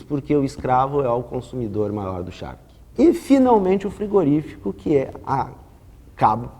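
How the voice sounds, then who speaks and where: Brief: Brazilian male interviewee, warm and expressive, reasoning aloud in a reverberant space. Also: mid-range voice. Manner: reasoned, argues step by step. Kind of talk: explanatory interview. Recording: long reverberant room.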